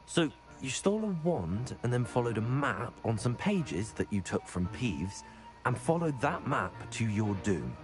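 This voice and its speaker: Brief: curious young wizard hero for a game, animated pitch, game music clearly behind. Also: male voice, a little slow. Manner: curious, dry questioning. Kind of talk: video game voice acting.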